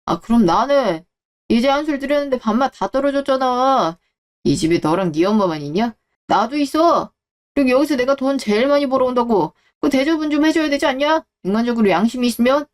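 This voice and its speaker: A woman's voice: high voice, lively intonation, brisk. A woman voicing a callous, selfish middle-aged husband who talks scornfully and dismissively. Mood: irritated. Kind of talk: Korean audio drama reading.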